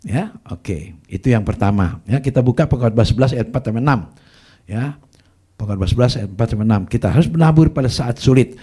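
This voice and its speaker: Male pastor, folksy exhorting sermon, warm and husky. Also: mid-range voice. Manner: folksy storytelling, exhorting the congregation. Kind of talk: sermon with personal testimony.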